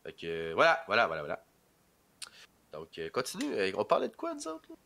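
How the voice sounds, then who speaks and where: With wildly swooping pitch, a young man talks a little fast in a low-leaning voice that is gravelly, pushed and bright. He's from rural Quebec, has a Québécois French accent and a stuffy head cold, and rambles with hesitation and lots of fillers while chatting casually as a podcast guest.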